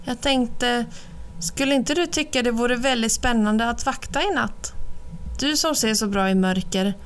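A woman reading a storybook aloud and voicing a kindly, worried old farmer man who talks in a gentle, grumbling, patient way. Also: on the high side, clear, resonant tone, lightly acted. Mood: coaxing.

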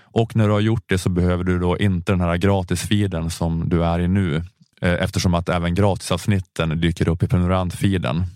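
A man's voice: low voice, steady tone, darkish tone, clean tone, dry recording, studio quality. A man hosting a podcast in casual conversation, often hesitating and repeating words as he thinks, then reading a subscription promo. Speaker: podcast host.

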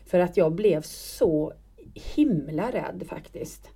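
A woman's voice: on the low side, lively intonation, vocal fry, mellow, breathy edge. A middle-aged woman telling a personal story in casual conversation, often stopping and restarting as she searches for words. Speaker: guest.

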